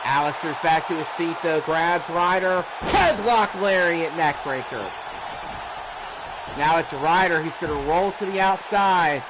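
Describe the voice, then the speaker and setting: Man, wrestling commentator, high voice, excited play-by-play, exclamatory shouts, noisy recording. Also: measured pace. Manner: exclamatory, often shouting out moves. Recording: clearly noisy background.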